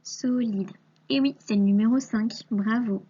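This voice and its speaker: A woman teacher giving a recorded reading lesson to a young child, patiently sounding out syllables and letters and often dropping to a soft half-whisper. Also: a little high, expressive, moderate pace, breathy edge, highs cut off.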